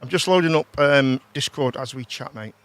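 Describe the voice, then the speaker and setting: A man's voice: medium pitch, moderate pace, fairly bright tone. A British man hosting a casual livestream, chatting informally, repeating himself and often ending on tag questions. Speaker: host.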